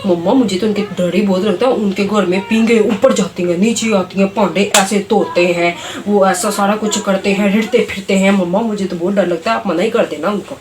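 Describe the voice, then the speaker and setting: A woman's voice: mid-range voice, steady tone, brisk, few pauses. A woman from Pakistan playing a vain, spoiled young woman back from abroad who whines and boasts in a comedy skit, heard from a distant mic with faint background noise. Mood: whiny. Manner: whiny, boastful, dramatic. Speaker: vlogger.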